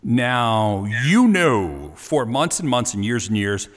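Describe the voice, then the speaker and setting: A man's voice: mid-range voice, very animated, takes it slowly, in a large hall. A man hosting a radio show, interviewing a guest energetically and joking around. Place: radio studio.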